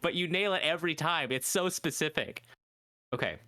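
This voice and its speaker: A man's voice: fairly high pitch, animated, normal speed, sharp tone, no room sound, clean studio sound. A man hosting a casual comedy podcast, often laughing and restarting as he directs voice bits. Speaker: podcast host.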